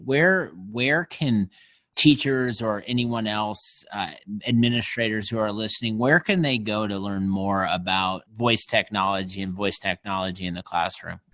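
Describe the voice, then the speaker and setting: Low-voiced podcast host, dry sound. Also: male voice, fairly bright tone, no room sound. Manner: friendly, hesitant questions with fillers. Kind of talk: interviewer asking questions.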